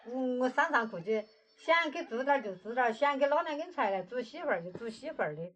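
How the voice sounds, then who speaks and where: A woman's voice: high-pitched, expressive, quick pace, fairly bright tone, highs cut off, slight background noise. A woman of about seventy from rural Sichuan, chatting casually in Sichuan dialect with plain, colloquial short answers. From rural Sichuan, near the Guizhou border. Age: around 70. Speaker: villager being interviewed. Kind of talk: casual chat.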